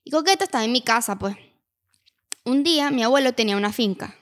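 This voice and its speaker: A woman's voice: on the high side, animated, fast. A woman, co-hosting a podcast and telling stories in slangy casual chat. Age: 20s. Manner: chatty storyteller, slangy and laughing. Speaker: podcast co-host.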